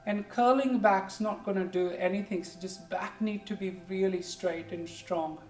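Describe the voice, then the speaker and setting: This is a guided yoga class with a pep talk from an instructor in their 40s from India, Hindi- or Punjabi-speaking by birth and talking in Indian-accented English. The voice is mid-range, steady in tone, and moderately paced, offering gentle, encouraging, repeated simple cues and frequent "good"s. The recording has room echo, a distant mic, and faint background music.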